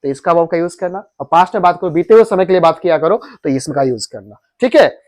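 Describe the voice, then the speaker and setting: A man runs a coaching-class grammar lesson in a classroom, firing questions at his students and having them repeat answers. His voice sits high. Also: expressive, fast, a little mellow. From India.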